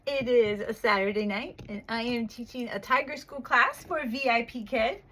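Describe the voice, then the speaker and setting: A woman, an online English teacher, talking calmly to viewers and then teaching a young child in slow, exaggerated, cheerful speech from her home at night. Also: fairly high pitch.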